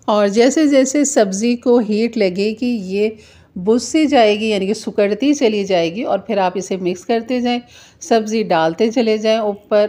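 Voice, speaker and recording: A woman's voice: medium pitch, dark tone. A woman narrating a cooking tutorial, patiently explaining the reason behind each step. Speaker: home cook, channel host.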